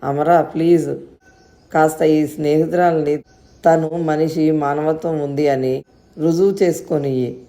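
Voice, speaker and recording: A woman's voice: low voice, fairly even intonation, measured pace, warm tone. A woman voicing a kind, wealthy woman friend in a storybook reading, generous and insistent.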